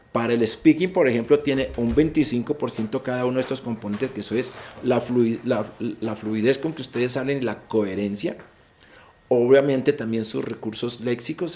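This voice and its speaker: A medium-pitched, mellow male voice with a slight hiss or hum in the audio. He's a Colombian Spanish speaker advising students about an English exam during a virtual session, explaining the rules and restating the essentials while repeating and restarting words and emphasizing his main advice.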